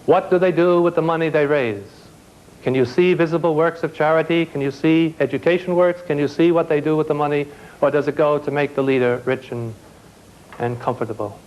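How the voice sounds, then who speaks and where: A man's voice: on the high side, darkish tone. A man asking a string of pointed questions. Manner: posing a series of questions. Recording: dull lo-fi sound.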